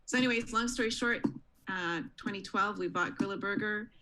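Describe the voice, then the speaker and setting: Her pitch is medium and her pace moderate, with noise in the background. This Tanzanian-born restaurant owner, who grew up in Canada, shares her story in a warm, conversational interview.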